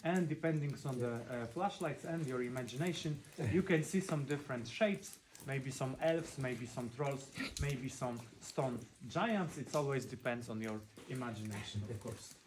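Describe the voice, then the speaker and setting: Inside a cave, a guide whose first language isn't English gives a casual explanation peppered with dry humor. He speaks at normal speed with a medium pitch and few pauses, and the on-site recording is noisy and full of clicks.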